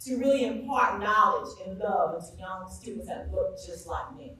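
A woman's voice: medium pitch, animated, moderate pace, sharp tone. A woman from South Carolina giving an emphatic tribute speech at a school ceremony, building up on repeated phrases. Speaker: school staff speaker at a ceremony. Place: school gathering space with a live audience. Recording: echoey room, voice from far off.

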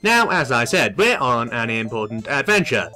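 A stiff, formal robot guide explaining a game world, as a man puts it on. The tone is bright with a lively lilt, and soft game music plays behind. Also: medium pitch, moderate pace, pitched below the performer's own voice. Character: robotic male guide companion.

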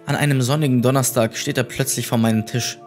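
A man reading horror stories aloud in a measured, scripted way. His voice sits at an ordinary middle pitch, with faint music playing underneath. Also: steady tone. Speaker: narrator.

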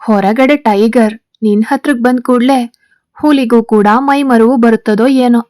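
An arrogant, teasing gang boss husband in a spoken romance story, read by a woman. The voice sits fairly high with a mellow, dark tone. The sound is dry and close. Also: steady tone, moderate pace, no room sound, close to an everyday voice.

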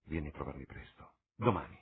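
A man's voice: a bass voice, expressive, fast. A man voicing an earnest, melancholy male painter for an audiobook, speaking in a subdued, pleading way. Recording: tinny lo-fi with faint hiss.

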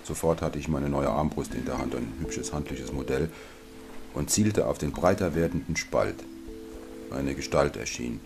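A man narrating a first-person fantasy audiobook in a calm, measured way. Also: rumbling low, gravelly, over music.

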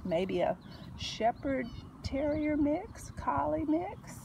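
A woman talking gently to a dog in a cooing, affectionate baby-talk voice. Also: high voice, big pitch swings, slow pace, creaky, noisy background. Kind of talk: casual talk to a dog on camera.

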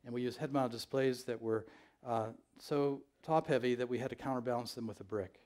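An older man delivers a conference keynote from a large stage, his delivery measured and thoughtful and full of ums and uhs. His voice sits at a medium pitch with a somewhat dark tone.

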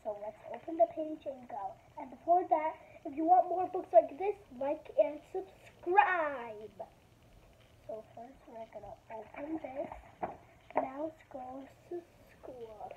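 A young child with a high voice reads a picture book aloud at a slow, halting pace. The recording is a muffled home video made in a bedroom on a handheld device. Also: expressive. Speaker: young video maker reading a storybook aloud. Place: small bedroom, indoors. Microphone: phone or tablet at arm's length. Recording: dull lo-fi device mic, background noise.

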